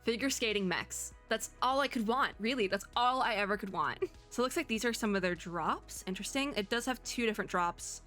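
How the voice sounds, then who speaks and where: A young woman streamer reacts to game previews with casual, slangy commentary, rambling and thinking aloud. Her fairly bright, high-ish voice moves quickly with hardly any pauses, over a bed of background music.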